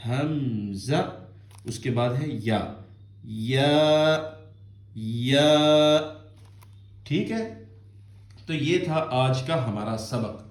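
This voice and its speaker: In an echoey room, a man from Azad Kashmir, Pakistan teaches children to read the Quran. His mid-range voice has a darkish tone, and he patiently explains each letter, stretching the sounds out in melodic recitation.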